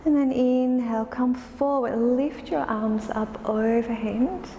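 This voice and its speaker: Slow, mellow woman guiding yoga. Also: fairly high pitch. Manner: calm, soothing, unhurried. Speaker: yoga instructor. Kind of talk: guided yoga class instruction. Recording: roomy, reverberant space with faint noise.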